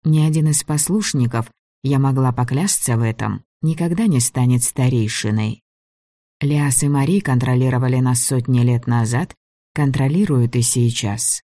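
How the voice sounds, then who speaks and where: A man narrating a fantasy novel in a steady, measured audiobook reading. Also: medium pitch, no room sound.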